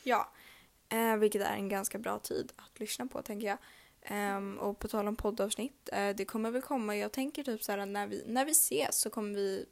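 A woman's voice: medium pitch, steady tone, vocal fry. A young woman hosting a casual podcast, rambling with many fillers and jokes. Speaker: podcast host.

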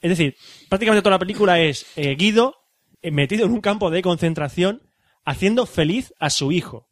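A man's voice: high-pitched, lively intonation, a little fast, dry recording, studio quality. A man hosting a casual chat, retelling a film's story with many fillers and restarts. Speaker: podcast host. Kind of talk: casual chat about a film.

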